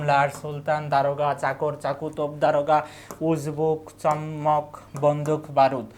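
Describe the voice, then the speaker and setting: A teacher giving an exam-prep lecture, reading long word lists and asking and answering their own questions. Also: medium pitch.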